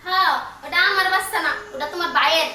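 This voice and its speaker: A woman playing a very high-voiced, mocking village wife. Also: fast, full character voice. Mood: teasing, mocking. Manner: mocking, sharp-tongued. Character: bold teasing young wife of a man working abroad. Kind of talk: comic village skit acting. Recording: echoey room from far off, faint hiss.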